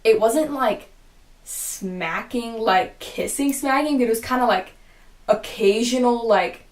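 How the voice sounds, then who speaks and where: A young woman with a fairly high voice tells a personal story in a loose, rambling way. She fills her sentences with "like" and swears freely. When she quotes what she said to herself, she drops into a quieter, hushed voice. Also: slow. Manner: rambling, heavy use of "like", frequent swearing; quoting her own past reactions in a hushed voice. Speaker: vlogger. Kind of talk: casual storytime.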